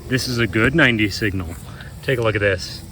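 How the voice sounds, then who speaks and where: A man's voice: lowish voice, brisk, sharp tone. Treasure hunter man vlogging amid outdoor noise. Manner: marveling exclamations, addressing viewers directly. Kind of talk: treasure hunter's excited, casual find-by-find vlog narration. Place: outdoors in grassy and wooded areas. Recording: noisy outdoors with insects and vehicles.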